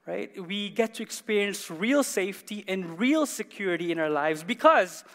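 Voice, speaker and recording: High-voiced male pastor preaching in a reverberant church. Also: lively intonation, moderate pace, fairly bright tone. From Canada. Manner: emphatic, repeats words for stress, asks the congregation questions. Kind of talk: sermon. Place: church hall.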